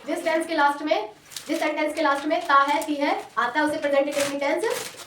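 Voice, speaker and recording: A woman tutor with a sore throat, teaching loudly and drilling students through repetition. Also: high voice, steady tone, fast, a little hiss or hum. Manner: loud, repetitive drilling, call-and-response. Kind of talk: classroom lesson with call-and-response. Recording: echoey room, mic far off.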